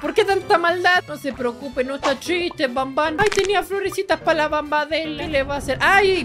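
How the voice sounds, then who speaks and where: A woman doing excited reaction commentary, full of gasps and exclamations. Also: high voice. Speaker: reaction video host. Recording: background music under the voice.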